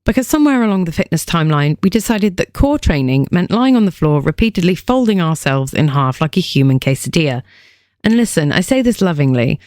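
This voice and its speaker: A woman's voice: on the low side, very animated, a little fast, a little mellow, dry recording, clean studio sound. A woman fitness coach hosting a scripted podcast explainer, delivering punchy lines with playful joking asides.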